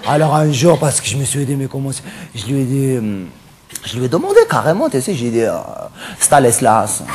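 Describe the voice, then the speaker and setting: A male comedian on stage playing a flamboyant, cross-dressing cabaret dancer in a stand-up character monologue, camp and theatrical, quick to snap at the audience. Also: medium pitch, big pitch swings, darkish tone, natural voice. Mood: camp chatty.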